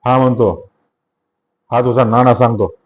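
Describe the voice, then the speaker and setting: A man reading the lines of a stern male police inspector in a storybook narration, loud and scornful. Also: medium pitch, flat delivery, moderate pace, close to an everyday voice. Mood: angry.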